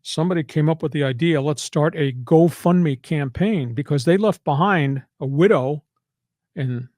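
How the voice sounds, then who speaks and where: An older man hosts a casual sports podcast, hitting his points hard in a fairly high, slightly mellow voice and drifting into preachy rants at normal speed. The recording is close and dry, with no room sound at all.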